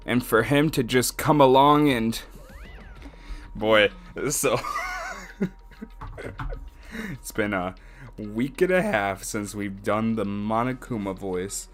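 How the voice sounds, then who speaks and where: A man with a fairly low voice talks loosely through his game commentary, his voice worn from a lingering sickness. He rambles and laughs often, close to his mic. Faint music plays behind him. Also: animated, slow pace, pauses often. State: getting over a sickness. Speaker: let's play streamer. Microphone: desk mic, close.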